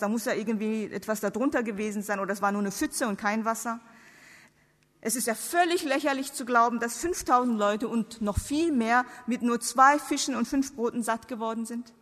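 Emphatic rhetorical questions drive this theology sermon, preached in German by a non-native speaker from outside Germany. She addresses a seated audience in a big, echoing hall whose long reverb colors the recording, and her voice is a little high with a fairly bright tone.

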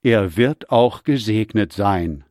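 A man voicing an old blind father who blesses his son in a solemn, measured scripture reading. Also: lowish voice, expressive, a little mellow, no room sound, clean studio sound.

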